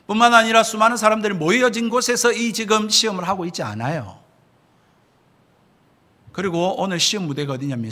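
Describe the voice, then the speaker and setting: In a church sanctuary, a pastor delivers an emphatic sermon, frequently turning to the congregation and asking rhetorical questions. His voice sits high with a slightly bright quality.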